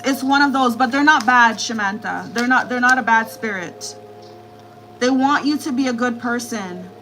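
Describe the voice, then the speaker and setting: A woman's voice: on the high side, a bit bright, poor audio. A woman doing a live tarot reading, repeating herself reassuringly as she relays messages from spirits. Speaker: tarot reader.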